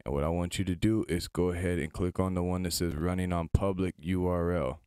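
Deep-voiced, casual man giving a tutorial. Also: steady tone, a little fast, darkish tone, clean tone, no echo, studio quality. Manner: informal, chatty, step-by-step instructing. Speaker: tutorial host. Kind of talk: casual screen-recorded tutorial.

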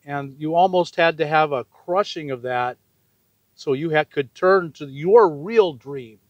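A man's voice: a little high, unhurried, no room sound, highs cut off. An older man hosting a casual interview outdoors, affirming and reflective in the way he talks. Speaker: interviewer, host. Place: outdoors on open desert gravel lot.

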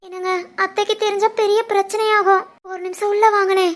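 Casting: woman playing a meek, pleading young wife in a cartoon, extremely high voice. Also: little pitch movement, brisk. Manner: pleading, anxious. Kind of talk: animated family drama voicing.

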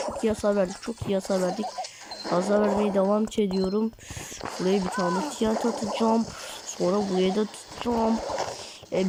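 A woman giving casual gameplay commentary, getting excitable and cursing at her teammates. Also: medium pitch, very noisy. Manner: excitable, rants and curses at teammates. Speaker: gaming channel host.

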